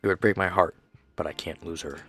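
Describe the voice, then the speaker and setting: A man voicing a grieving, obsessive father who builds machines, reading his diary in a low, hushed voice. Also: steady tone, fairly quick, husky, faint music behind, full character voice. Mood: grim, tender.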